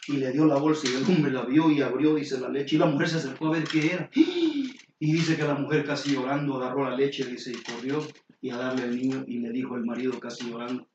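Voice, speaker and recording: A middle-aged man, preaching a sermon as pastor with lively storytelling and questions to the congregation. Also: medium pitch, brisk, slight background noise. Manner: animated storytelling, sudden exclamations, rhetorical questions to the congregation. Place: church sanctuary. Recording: roomy hall, distant mic, dull and lo-fi.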